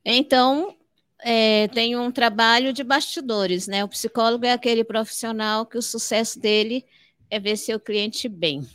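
An older woman from Fortaleza, Ceará, in northeastern Brazil, is a psychologist appearing as a podcast guest. She answers interview questions explanatorily, repeating phrases for emphasis. Her voice is fairly high, a bit bright, and a little slow, with no echo.

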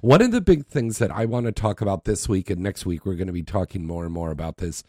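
A man's voice: low voice, expressive, fast talker, dark tone, no echo, clean studio sound. A man hosting a casual interview, informal and prompting his guest with questions. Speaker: interview host.

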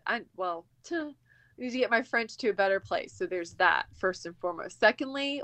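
A woman's voice: mid-range voice, a bit bright. A woman chatting casually as a guest, reacting expressively with little interjections. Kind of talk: casual chat.

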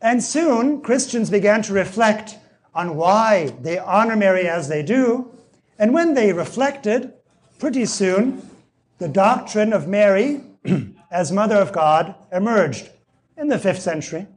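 High-voiced man lecturing, voice going hoarse. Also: animated, measured pace. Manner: explains by restating phrases and asking "see?". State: losing his voice, clearing his throat. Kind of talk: evening lecture on theology.

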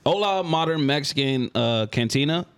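A man's voice: a little high, expressive, moderate pace, smooth. An American man in a casual group chat, talking in a slangy, profane way.

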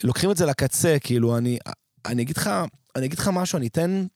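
A man's voice: medium pitch, animated, a little mellow, no echo, studio quality. A man, a drummer guest on a podcast, chatting casually and rambling through his stories with many restarts. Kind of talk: casual interview chat.

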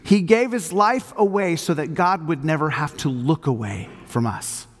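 A man's voice: on the high side, normal speed, big-room sound. An older man preaching an earnest sermon in a church and leading a closing prayer, stressing his phrases with emphasis. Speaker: pastor. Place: church hall.

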